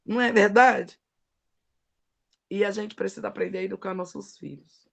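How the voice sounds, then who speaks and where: A woman's voice: mid-range voice, fairly even intonation, normal speed, vocal fry. A middle-aged woman preaching a devotional sermon, with emphatic, folksy storytelling.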